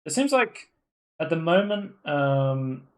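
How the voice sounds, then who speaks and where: Slow but very animated, this slightly high male voice belongs to a co-host on a live-streamed gaming podcast recorded in a home room. His tech news chat wanders, packed with filler words and false starts.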